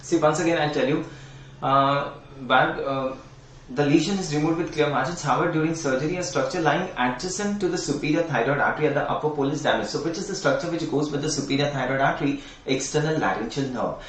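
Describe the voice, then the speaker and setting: Middle-aged Indian English male lecturer, somewhat high voice, repeats key terms, coaxes students; echoey room, mic at a distance. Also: fast talker, a little hiss or hum. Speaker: anatomy teacher. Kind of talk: online exam-prep lecture.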